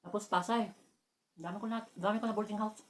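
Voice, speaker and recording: A woman from the Philippines chats quickly and casually while eating. She laughs often and grows animated when recounting stories. Her pitch sits in the middle of the range. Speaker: vlogger.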